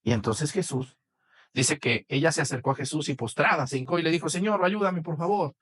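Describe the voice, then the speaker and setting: A man's voice: medium pitch, brisk, a bit bright, husky. A man with a Mexican accent preaching a sermon, chatting with the congregation and asking them questions. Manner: conversational, asks the congregation questions. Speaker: priest.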